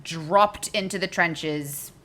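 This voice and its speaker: A woman co-hosting a casual book podcast, animated and quick to laugh. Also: on the low side. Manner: animated, laughs often, bursts into shouting. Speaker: podcast co-host.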